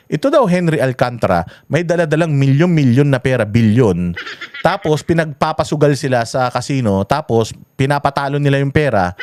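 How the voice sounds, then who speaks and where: A man with a Filipino accent delivering heated, profane political commentary straight to his viewers. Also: mid-range voice. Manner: angry, profane, addresses viewers as bossing.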